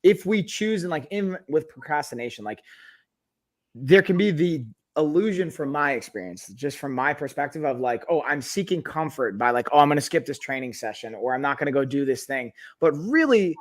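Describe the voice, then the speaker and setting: A podcast host in casual conversation, this man has a slightly high, animated voice at normal speed. He thinks aloud in a rambling, thoughtful way, with plenty of fillers and restarts.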